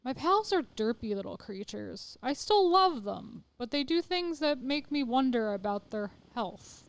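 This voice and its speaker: A woman's voice: on the high side, animated, moderate pace, no room sound. Woman co-host on a gaming stream; teasing, playful banter. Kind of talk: casual gaming chat.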